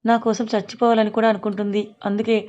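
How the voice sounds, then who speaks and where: A woman's voice: a little high, flat delivery, fast, darkish tone, dull audio, natural voice. A woman reading the lines of a remorseful young army major confiding in a friend. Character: young army major, guilt-ridden and grieving.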